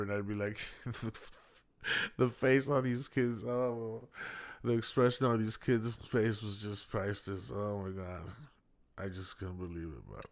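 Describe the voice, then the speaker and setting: A man's voice: fairly low pitch, fairly bright tone, smooth. A man, a food delivery driver, telling a story in a casual vlog, chatty and laughing often. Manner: chatty, laughs often, tags lines with "right?".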